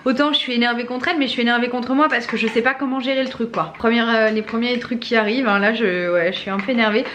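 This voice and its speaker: A woman's voice: on the high side, fairly even intonation, quick pace, few pauses, a bit bright, a little hiss or hum. A young adult woman chatting casually in a family vlog at home, with lots of fillers and an exasperated tone. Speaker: family vlogger. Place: home, kitchen.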